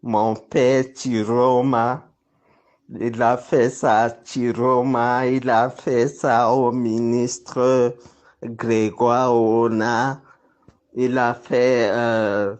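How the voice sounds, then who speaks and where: In a medium-pitched, slightly mellow voice, a man from Cameroon with a Cameroonian accent delivers an informal exposé, insisting on his accusations and repeating himself for emphasis.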